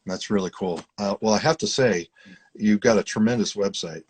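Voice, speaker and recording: A man's voice: fairly low pitch, normal speed, breathy edge. A man hosting a live online interview, asking questions in a chatty, friendly way. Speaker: interview host. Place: Ohio.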